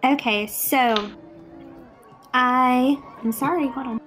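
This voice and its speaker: A woman at a tabletop game who keeps apologizing and sounds unsure of herself. She speaks slowly, in a slightly high voice. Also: a bit bright, faint music behind, a faint crowd. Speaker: player. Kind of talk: casual game chat.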